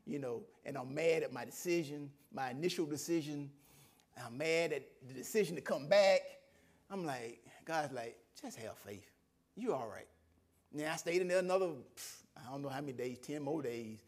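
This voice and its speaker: A middle-aged man, a minister, giving a sermon testimony, animated in his storytelling, laughing often and swinging between near-shouts and low asides. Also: normal speed.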